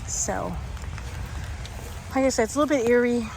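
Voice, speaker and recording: Woman doing a casual walkaround vlog outside, kinda halting thinking out loud, noisy with cars in the background. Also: on the high side, gravelly. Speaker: paranormal vlog host. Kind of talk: casual unscripted walking narration. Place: outdoors in a cemetery, cold and rainy. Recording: noisy outdoor recording with vehicle noise.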